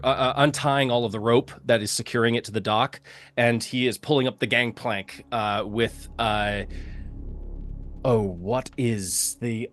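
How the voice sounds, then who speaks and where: Halting male game master, mid-pitched. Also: fairly bright tone. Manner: halting, full of fillers and restarts. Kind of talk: narrating a tabletop game.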